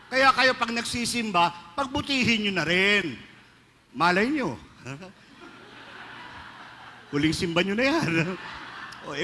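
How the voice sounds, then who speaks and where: A Filipino-accented priest delivers a joking, story-filled homily in a mix of Filipino and English, his high voice bright and forceful. The sermon echoes through a large, reverberant church, with faint ambience and slight background noise.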